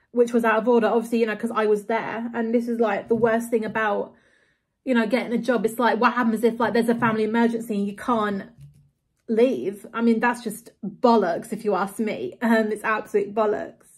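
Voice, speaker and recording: A woman's voice: on the high side, fairly even intonation, moderate pace, slightly rough. A woman talking casually at home into a handheld phone, rambling, with lots of "like" and "you know". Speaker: vlogger. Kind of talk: casual confessional vlog. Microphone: handheld phone camera.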